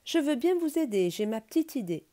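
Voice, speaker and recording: Gentle wise storybook rabbit lady, patient and coaxing, as a woman reads her, a touch high and dark-toned. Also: very animated, a little fast. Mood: reassuring. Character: calm kind wise female rabbit.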